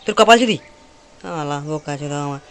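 A man's voice: on the high side, a little fast, a little hiss or hum. A man voicing a hot-tempered, cursing young man in a cartoon comedy. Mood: excitable. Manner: excitable, cursing. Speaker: cartoon voice actor.

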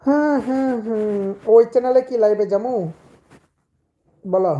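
A hoarse young man, chatting casually with viewers on a live stream and greeting commenters by name. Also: extremely high pitch, unhurried, warm tone, highs cut off, slight background noise. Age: young adult.

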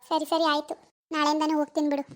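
A woman voicing a teasing young village wife in a cartoon, coaxing and quick. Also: high-pitched, monotone, lightly acted. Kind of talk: cartoon voice acting.

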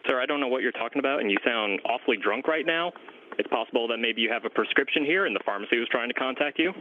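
A man's voice: mid-range voice, animated, a little hiss or hum. A man working as a pharmacy clerk on the phone, exasperated and firm with a caller. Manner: exasperated, firm, quick to argue. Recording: tinny phone line.

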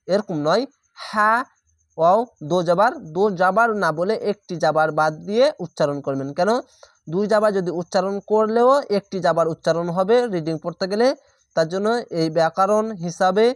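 A man teaching Quran reading, spelling letters out slowly and then chanting the drawn-out recited words. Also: high voice, no echo, studio quality.

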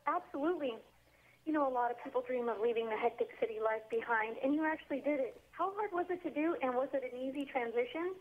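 A woman's voice: high voice, fast talker. Bubbly woman on a tinny phone line. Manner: bubbly, enthusiastic. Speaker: interviewer. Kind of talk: interview hosting.

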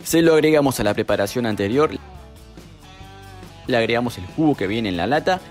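A young man, calmly narrating a cooking recipe step by step as a voice-over, with music behind him. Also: medium pitch, brisk. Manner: calm step-by-step instructions. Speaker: cooking channel host.

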